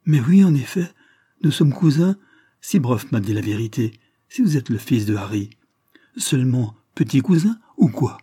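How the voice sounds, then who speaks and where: A shy young lady of the manor, flustered and short of breath, her voice lifted high and bright over a mellow, husky base, as a male reader puts her on. Every line comes out as a confused, tumbling question. The read is close and dry, with no room around it. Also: big pitch swings, normal speed. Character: young noblewoman, timid and flustered. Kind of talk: audiobook character reading.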